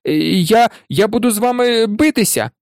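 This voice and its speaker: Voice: medium pitch, sing-song, fairly quick, darkish tone, dry recording, clean studio sound, pitched above the performer's own voice, close to an everyday voice. A reader voicing a nervous but stubborn schoolboy who speaks in strained, defiant outbursts. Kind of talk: audiobook character voice.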